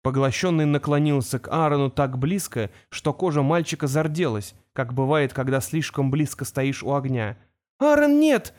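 A man narrating a fantasy story in a steady, expressive reading. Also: mid-range voice, normal speed, few pauses. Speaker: audiobook narrator.

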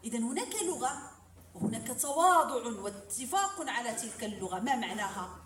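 A woman's voice: on the high side, sing-song, a little fast, a bit bright. A woman lecturer teaching a class, explaining with examples and asking rhetorical questions. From Morocco. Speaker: lecturer in hadith sciences. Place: lecture hall. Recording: roomy hall, voice from far off, faint noise.

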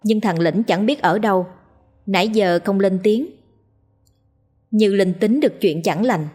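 A woman narrating a ghost story in a steady, dramatic reading voice. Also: medium pitch, unhurried, soft background music.

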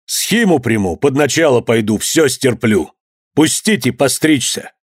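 A man's voice: mid-range voice, animated, a little slow, husky, no room sound, clean studio sound. A man doing a desperate accused merchant. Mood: repentant. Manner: shouting, frantic.

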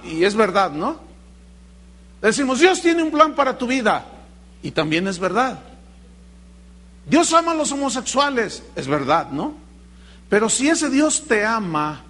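Preacher, high tenor, animated sermon, plays out dialogues. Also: male voice. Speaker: pastor.

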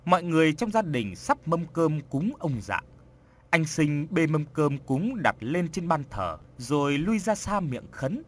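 Man reading a ghost story aloud, husky, fairly high voice. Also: sing-song, a little slow. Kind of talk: audiobook horror story narration.

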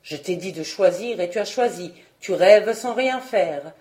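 A woman's voice: fairly low pitch, animated, unhurried, dark tone, echoey room. A woman voicing a stern, commanding old fairy aunt who scolds and barks orders.

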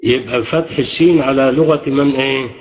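A man's voice: mid-range voice, steady tone, a little fast. Patient Egyptian man teaching Arabic grammar. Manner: patient, prompting, approving. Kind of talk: interactive class with questions to students. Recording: echoey, dull lo-fi sound.

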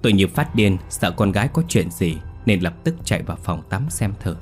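Guy reading a ghost story, low husky voice, tense, faint music under it. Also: animated, fairly quick, a little mellow. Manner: tense first-person retelling. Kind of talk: scripted narration of a ghost story.

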